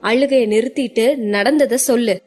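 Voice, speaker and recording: A woman voicing a quick, firm young woman who scolds and coaxes a friend, in an audio story. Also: fairly high pitch, a little mellow, lightly acted. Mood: firm coaxing. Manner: brisk, scolding, then coaxing.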